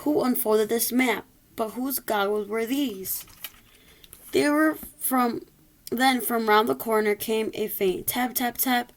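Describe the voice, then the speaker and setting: Higher-voiced woman reading a children's story. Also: takes it slowly. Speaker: storybook reader. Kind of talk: read-aloud rhyming children's story.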